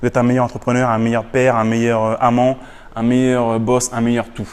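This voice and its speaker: A man summarizing business tips to his viewers in a casual, energetic way, repeating key phrases and reading quotes in English. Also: medium pitch, a little fast, clear, resonant tone, in a large hall. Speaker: business YouTuber. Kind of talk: casual book summary to camera.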